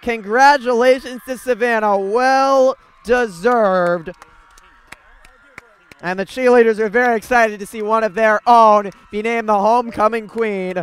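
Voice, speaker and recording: A man's voice: sits high, fairly even intonation, unhurried, fairly bright tone, smooth. A young man doing live, chatty sports broadcast commentary from a set at a stadium, bantering with guests. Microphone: handheld broadcast mic.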